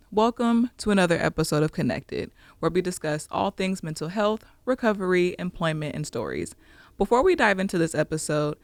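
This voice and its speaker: A woman's voice: lowish voice, dry recording. A woman hosting a podcast interview, upbeat and chatty, moving from a scripted intro into casual conversation. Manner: upbeat and chatty, laughs often. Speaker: podcast host. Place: studio set with a couch.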